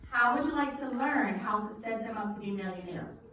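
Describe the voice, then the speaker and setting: Speaking at a church, this finance educator from Guyana runs an energetic, sermon-flavored seminar about money, asking questions that the audience answers back. She talks slightly high and rather fast. The sound comes from far off in a large reverberant hall and carries faint hiss.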